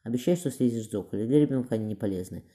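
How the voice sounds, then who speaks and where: A determined young woman who speaks firmly and plainly, as a male reader voices her. Her lines come quickly, in a dark, low voice. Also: lively intonation, close to an everyday voice. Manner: firm, determined. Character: resolute young woman, strong-willed heroine.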